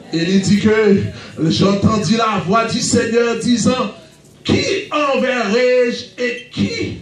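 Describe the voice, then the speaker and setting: A man with a Haitian accent preaching a fervent sermon, breaking into shouted bursts and returning to a repeated refrain. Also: high voice. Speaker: pastor. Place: church sanctuary. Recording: echoey church recording from far off.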